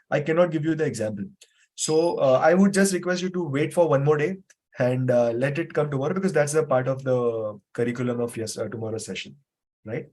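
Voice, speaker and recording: A memory trainer with a fairly high, slightly mellow voice teaches a live online memory class over video call. He explains patiently, repeats his points, and uses lots of fillers.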